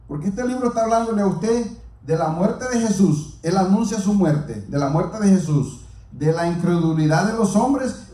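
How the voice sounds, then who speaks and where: A man preaches a sermon earnestly, repeating himself and speaking directly to the congregation. He has a high, warm voice, recorded from a distance with a roomy echo.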